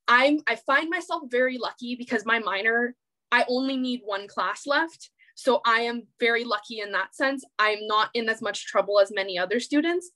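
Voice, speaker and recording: This young adult student, Canadian-accented, speaks out with emotion at a virtual public meeting, often repeating herself or starting words over as she presses her point. She has a fairly high, fairly bright voice.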